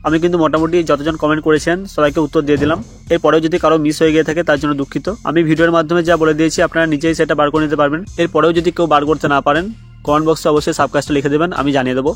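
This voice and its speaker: A man's voice: fairly high pitch, little pitch movement, racing, soft background music. A young man from hosting an education channel, reading out a long list item by item in a plain, methodical explainer style. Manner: plain, methodical, reads items one by one.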